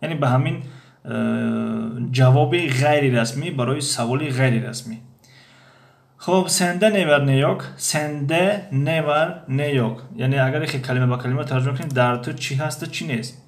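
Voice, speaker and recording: A man teaching a language lesson from a textbook, explaining phrases with many hesitations and slow repetitions. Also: medium pitch, gravelly. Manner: hesitant, many pauses and fillers, repeats phrases slowly. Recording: echoey room.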